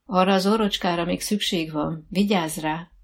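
A woman voicing a patient, kind riding instructor who speaks calmly and encouragingly, with gentle teasing. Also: on the low side.

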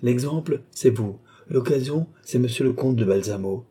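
A man's voice: medium pitch, lively intonation, moderate pace, mellow, husky. A man reading an audiobook, voicing an earnest, proud young man in rags who pleads yet stays resolute.

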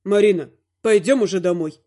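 A woman's voice: medium pitch, fairly quick, dark tone, voice pushed down, lightly acted. A woman voicing an irritated, weary father who grumbles back at his mother-in-law, in an audiobook. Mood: exasperated. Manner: grumbling, exasperated.

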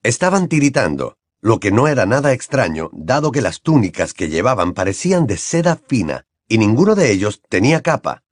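A man narrating a fantasy novel aloud in an expressive, lively reading. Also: fairly low pitch, a little fast, hardly any pauses, no room sound, clean studio sound. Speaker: audiobook reader. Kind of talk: storybook narration.

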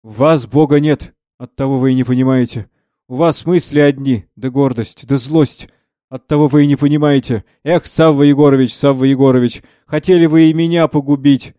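A man's voice: medium pitch, steady tone, moderate pace, warm tone, no echo, clean studio sound, natural voice. A man reading a scornful old monk. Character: pious old monastery monk, sly and scornful.

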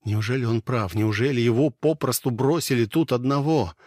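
A man narrating an audiobook in a measured, steady storytelling manner. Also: medium pitch, no echo.

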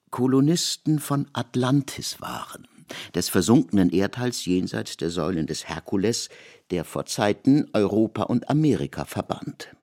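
In a studio, a man with a lowish voice reads scripted literary prose for a radio production, telling the story in an expressive, elevated way.

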